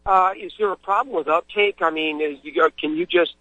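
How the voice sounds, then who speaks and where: A man's voice: sits high, a little fast, pushed and bright, dry recording. A man calling in to a radio show over a phone line, talking in a casual, rambling way with lots of fillers while on the move in a vehicle. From Missouri, US. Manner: rambling, friendly, many fillers. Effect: clipped phone line. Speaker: caller. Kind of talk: casual call-in chat. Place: in a moving vehicle. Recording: dull, dry phone audio.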